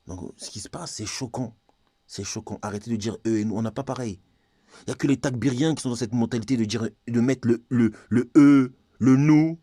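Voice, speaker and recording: A man's voice: mid-range voice, warm tone, no room sound, clean studio sound. A man from Congo, ranting to camera to his viewers in a heated, insistent way and repeating himself. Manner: heated, insistent, repeats phrases, often talks straight to viewers. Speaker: YouTuber.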